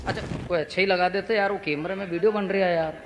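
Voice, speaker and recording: A man telling comic stories on stage to a live audience, lively and acting out the voices of the people in them. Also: high-pitched, quick pace. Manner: animated, acts out quoted voices, playful audience asides. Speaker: stand-up comic poet. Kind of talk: humorous stage storytelling. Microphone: stage microphone.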